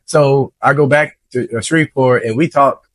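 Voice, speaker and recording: A man's voice: medium pitch, moderate pace, a bit bright, dry recording. A man from Louisiana, a banking executive and bar owner, telling his story in a casual interview. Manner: storytelling, laughs lightly while telling.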